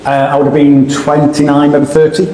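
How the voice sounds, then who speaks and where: Middle-aged Sheffield man, podcast guest, halting restarts, long room echo. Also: a little high, completely flat delivery, mellow. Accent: Sheffield English. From England. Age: 40s. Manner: frequent restarts and repeated words. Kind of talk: casual interview. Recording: echoey room with faint ambience.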